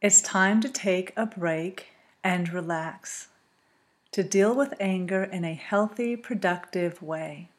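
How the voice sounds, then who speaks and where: A woman reading a calm, scripted guided relaxation, speaking slowly and soothingly with long pauses. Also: fairly low pitch, low-quality recording.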